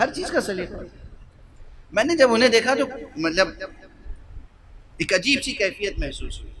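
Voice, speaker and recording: A man's voice: on the high side, a bit bright. A middle-aged man preaching a sermon as a cleric, repeating phrases for emphasis and putting rhetorical questions to his listeners. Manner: rhetorical questions to the audience, emphatic repetition, slows down to stress words. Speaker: Shia cleric giving a majlis sermon.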